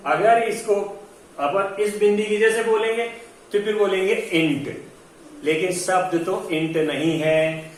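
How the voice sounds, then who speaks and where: A man's voice: sits high, slight background noise. A man teaching children a grammar lesson, drilling the pronunciation of words and asking them to repeat after him. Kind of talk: classroom-style lesson for children. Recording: echoey room, voice from a distance.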